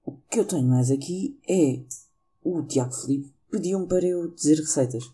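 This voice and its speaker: Male comic, European Portuguese accent, husky low-toned voice, rambling self-mocking home monologue. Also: moderate pace, mellow. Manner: rambling and self-mocking, joking at his own jokes. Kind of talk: casual comedic monologue. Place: at home during lockdown.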